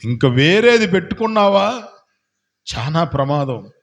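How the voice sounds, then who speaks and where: A man preaching as a pastor, questioning the congregation and building to loud calls for hallelujah. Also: a little high, very animated, a little slow. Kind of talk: sermon.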